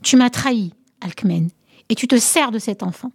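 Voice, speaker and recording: A woman reading the lines of a proud returning warrior king in a storybook tale, hushed when tender and shouting when he accuses. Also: fairly high pitch, expressive, normal speed, breathy edge, dry recording, clean studio sound. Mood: furious.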